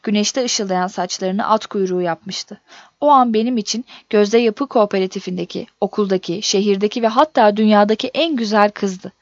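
A woman reading a first-person story aloud in a steady, measured audiobook narration. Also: medium pitch, dry recording. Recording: dull dry recording.

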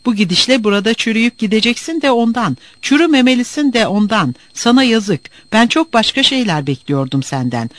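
A man's voice: sits high, animated, brisk, hardly any pauses, fairly bright tone, voice pushed up. A man voicing a frail, thin older male professor who pleads insistently with a former student.

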